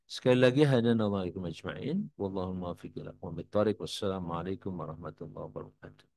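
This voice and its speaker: As guest teacher at an Islamic study lecture, a man with a low-pitched voice talks fast yet explains patiently, tossing in rhetorical questions. He's heard through a live broadcast mic.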